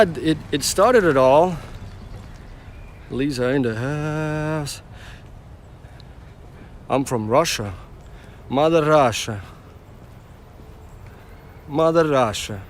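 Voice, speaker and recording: His voice is on the high side with lively intonation, and he takes his time, pausing often, with slight background noise. The man, a rideshare driver from the former Yugoslavia, livestreams from inside his car on city streets, chatting casually, rambling, repeating himself, and replying to viewers.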